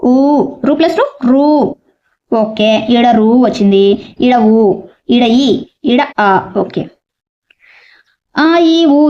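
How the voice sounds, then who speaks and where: A woman teacher, explaining a grammar lesson and slowly repeating examples. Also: high voice, a little mellow, lo-fi sound. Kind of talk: exam-prep grammar lesson.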